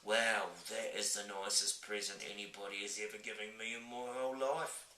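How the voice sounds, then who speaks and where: A man voicing a very old, gentle male giant who mangles his grammar and invents words, speaking slowly. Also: medium pitch, fairly even intonation. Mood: wistful. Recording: roomy, from a distant mic.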